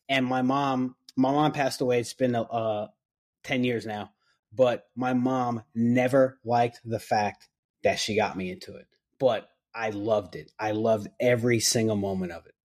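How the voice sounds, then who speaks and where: A firefighter on a podcast, casually telling a story and acting out the lines of the people in it. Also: male voice, medium pitch, a little slow. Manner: animated retelling, acting out others' lines.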